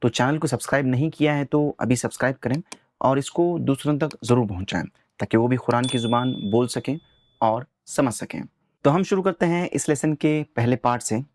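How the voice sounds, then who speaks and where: Man, Urdu accent, patient Arabic lesson host, medium pitch, dry close sound. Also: darkish tone, no room sound. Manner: patient, spells out letters slowly one by one. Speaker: Arabic teacher and channel host. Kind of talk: explanatory language lesson.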